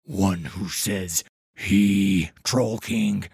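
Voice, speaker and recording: A man voicing a huge, brutish male troll king with a rumbling, gravelly voice and slow, broken speech. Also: darkish tone, dry recording, clean studio sound, full character voice. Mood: gruff.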